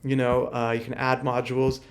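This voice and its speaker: A man's voice: medium pitch, completely flat delivery, normal speed, creaky. A man teaching a screen-share workshop, casual and thinking aloud with many fillers. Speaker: workshop instructor. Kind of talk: screen-share tutorial walkthrough.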